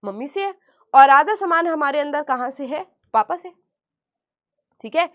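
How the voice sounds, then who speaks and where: In a lo-fi recording of an online class lecture, a woman teacher with a strikingly high voice and lively intonation talks slowly and deliberately on her own terms. She repeats each question, then answers it herself in a coaxing tone.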